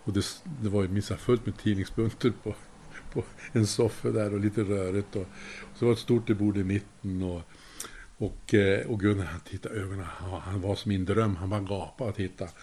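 A man's voice: lowish voice, steady tone, warm tone, a little hiss or hum. An older man telling a casual anecdote, chuckling now and then and acting out the voices of the people he quotes. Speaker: storyteller.

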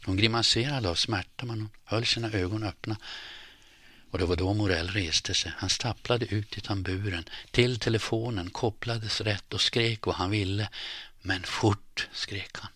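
A man reading a story aloud in measured scripted narration, often dropping to a hushed near-whisper. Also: lowish voice, fairly even intonation, no echo. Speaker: audiobook narrator.

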